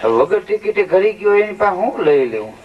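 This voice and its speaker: A man tells folk jokes on a live stage, slipping into quoted dialogue as he goes. His voice sits a little high, and the recording is muffled and lo-fi. He sounds set back from the microphone. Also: a little fast, recorded from a distance, a faint crowd. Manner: lively joke-telling with quoted dialogue. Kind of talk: stage storytelling comedy.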